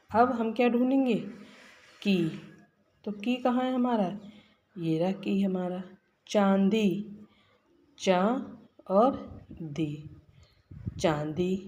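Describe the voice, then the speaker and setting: Slow, patient woman teacher. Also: medium pitch, mellow, dull audio. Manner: patient, asks questions then answers them. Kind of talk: classroom lesson explaining workbook answers.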